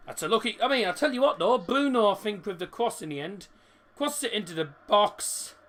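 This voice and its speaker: Higher-voiced man who says w for r. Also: animated, a little fast, a bit bright. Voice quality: cannot pronounce R's, says w for r. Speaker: football watchalong streamer, Manchester United fan. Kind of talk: live fan commentary and chat to stream viewers.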